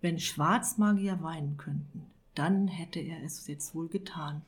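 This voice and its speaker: A woman narrating a fantasy story in a measured, expressive reading. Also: deep voice. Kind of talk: audiobook reading.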